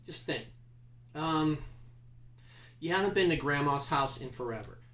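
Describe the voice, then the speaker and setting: A man's voice: fairly high pitch, expressive, unhurried, pushed and bright, echoey room, low-quality recording. A man teaching a class in a conversational, emphatic lecture style, often asking his listeners questions.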